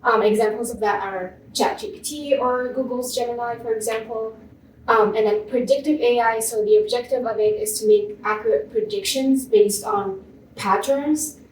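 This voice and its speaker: A woman's voice: fairly high pitch, moderate pace, a little hiss or hum. A young woman from Tunisia presenting at a conference in a casual way, full of ums and likes. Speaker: MA student and teaching assistant presenter. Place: conference room. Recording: echoey room, far from mic.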